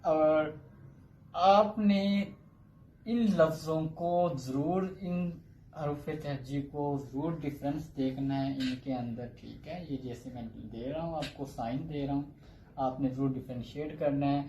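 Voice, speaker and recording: Male language teacher, slow deliberate drilling of sounds, echoey room. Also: fairly high pitch, darkish tone, a little hiss or hum. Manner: slowly drills single sounds, repeating and explaining each. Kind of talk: recorded language lecture.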